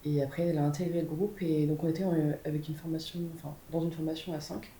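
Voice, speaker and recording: A young woman who plays guitar in a band recounts the band's story in a relaxed interview, peppering it with fillers. Her mellow voice stays level in tone and moves at a quick pace. The room is echoey, with a faint rumble underneath.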